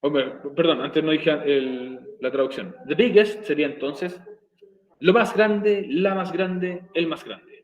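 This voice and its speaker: Man teaching slowly in an echoey room. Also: on the high side, highs cut off. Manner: slow, repeating explanations step by step. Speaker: English teacher. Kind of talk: recorded video lesson.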